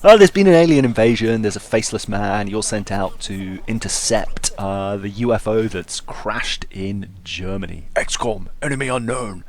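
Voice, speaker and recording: Hungover man, lowish voice, casual game commentary. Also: normal speed, hardly any pauses, a little mellow, a little hiss or hum. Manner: stumbling over words, self-correcting. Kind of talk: casual let's-play commentary.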